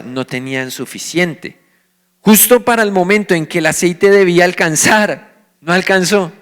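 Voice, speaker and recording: Bright-voiced Colombian pastor teaching a sermon. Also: male voice, high voice. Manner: teaching, asks the congregation questions and answers them.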